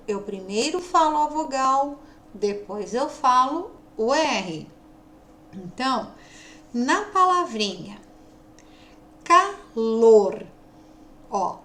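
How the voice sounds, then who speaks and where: A woman teacher with a São Paulo countryside caipira accent, giving a video lesson to young children and sounding out syllables slowly. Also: high voice, roomy sound. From São Paulo state, Brazil. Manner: slow, drawn-out sounding of syllables. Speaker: primary school teacher.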